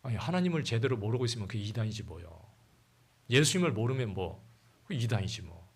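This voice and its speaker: Husky-voiced pastor preaching conversationally. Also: male voice, lowish voice, sing-song, brisk. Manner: conversational preaching, asks the congregation questions and reads scripture aloud. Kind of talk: sermon. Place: church.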